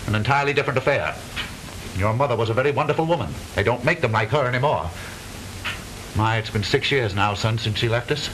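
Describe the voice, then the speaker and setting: An actor playing a blustering, easily flustered middle-aged father in stagey 1920s comedy film style, halting and repeating himself. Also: mid-range voice, fairly bright tone, natural voice, rough recording. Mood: blustering, stern. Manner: stagey old movie actor delivery, blustering, halting repetitions. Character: blustering, lonesome widowed father, flustered businessman. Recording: hissy 1920s film soundtrack.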